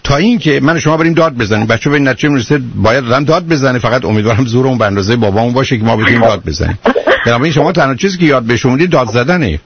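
A middle-aged man giving parenting advice to callers on a radio call-in show, in a calm and patient manner. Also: mid-range voice, slight background noise. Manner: calm, patient, explaining at length. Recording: muffled radio broadcast.

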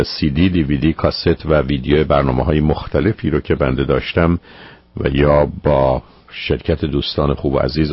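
Very low, husky male radio host, calm advice-giver, dull lo-fi sound. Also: no room sound. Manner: calm, measured advice to callers. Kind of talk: call-in advice show. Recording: muffled lo-fi radio broadcast.

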